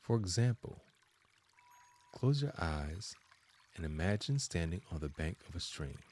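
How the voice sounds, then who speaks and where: Hosting a scripted guided meditation, a man narrates in measured, deliberate phrases broken by frequent pauses. His voice sits low, somewhat mellow, with big swings in pitch.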